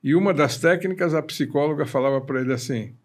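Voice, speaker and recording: A man's voice: on the high side, fast talker. Chatty male podcast co-host. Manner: storytelling, chatty, asks questions. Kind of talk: casual podcast chat.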